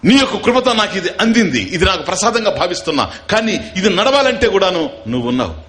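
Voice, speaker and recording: A man delivers a scripture discourse as a spiritual teacher. His pitch swings widely from low murmurs up to raised, emphatic lines. He keeps asking his listeners rhetorical questions and chants verses. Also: big pitch swings, a little fast, fairly bright tone.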